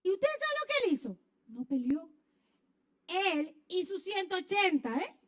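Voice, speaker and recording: A woman preaching a sermon, telling a personal story with lively acted-out scenes and sudden shouts. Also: extremely high pitch, unhurried. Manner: animated storyteller, acts out scenes, bursts into shouts. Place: church.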